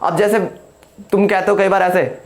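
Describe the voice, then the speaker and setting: A man teaching an English grammar lesson at a whiteboard, explaining slowly, repeating points and asking the class questions. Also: high voice, steady tone.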